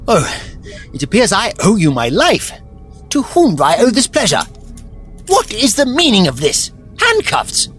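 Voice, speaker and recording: An actor playing an eccentric, unflappable time-travelling adventurer with a wry, theatrical, nonchalant manner in an audio drama. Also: male voice, high-pitched, huge pitch swings, unhurried, pauses often, a bit bright, soft background music, heavily acted. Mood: flustered, arch.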